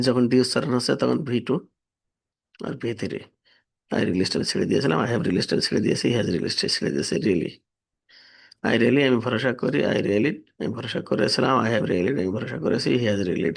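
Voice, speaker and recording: A man's voice: mid-range voice, creaky. A man teaching English vocabulary, steadily reading verb forms and their meanings. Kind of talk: vocabulary lesson, reading word lists with translations.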